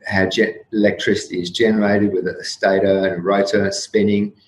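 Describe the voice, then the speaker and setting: A man in his fifties, a guest on an interview show, musing in a rambling, reflective way with frequent restarts and soft laughs. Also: lowish voice, little pitch movement, moderate pace. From Australia. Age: 50s. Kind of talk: casual interview talk. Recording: roomy echo with faint room noise.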